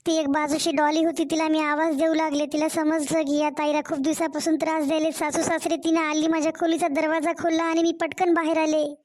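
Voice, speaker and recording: A woman's voice: high voice, little pitch movement, a little fast, a little mellow, lightly acted. A woman voicing a young, mistreated daughter-in-law in a cartoon story, pleading. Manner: pleading, complaining.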